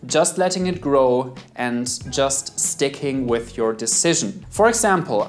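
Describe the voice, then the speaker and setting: A man with a German accent, a guest beard expert giving methodical, earnest advice straight to camera. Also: on the high side. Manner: earnest, methodical, numbered tips.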